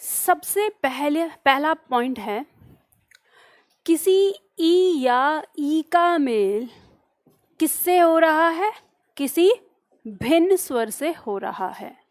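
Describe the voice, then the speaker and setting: High-voiced woman teacher, slow dictation. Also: expressive, dry recording. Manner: slow deliberate dictation, scolding asides. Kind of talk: online grammar class, dictating notes.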